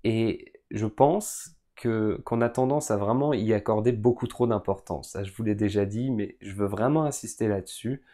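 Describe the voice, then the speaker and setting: A French teacher from France hosts a podcast and answers questions from learners. He talks to his listeners directly and explains each point with patience. His voice sits a little low and has a warm, mellow tone. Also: normal speed, few pauses. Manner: calm, patient explanation aimed straight at listeners.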